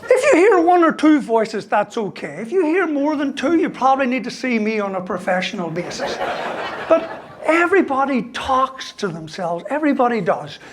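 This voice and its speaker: A man's voice: very high-pitched, sing-song, moderate pace, slight background noise. A man giving a humorous motivational talk as a university lecturer, asking "right?" after most points. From Ireland. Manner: joking, ends lines with "right?".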